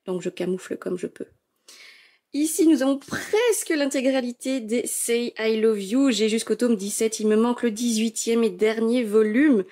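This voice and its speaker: A young adult woman from France, chatty and enthusiastic as she narrates a casual shelf-tour vlog, filling pauses with little hesitations. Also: fairly high pitch, mellow. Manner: chatty and enthusiastic, gushing, many euh fillers. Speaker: manga collection vlogger.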